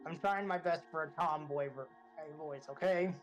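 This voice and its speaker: A woman streaming a game and chatting casually with friends in a medium-pitched voice. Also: moderate pace, dull audio. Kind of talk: casual gaming chat. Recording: game music behind the voice.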